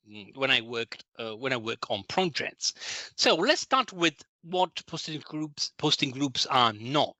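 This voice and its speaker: A man's voice: mid-range voice, bright, forceful tone, dry recording. A middle-aged man from Italy, giving a live online training webinar over a video call. He explains patiently and often restarts his phrases. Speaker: trainer and consultant.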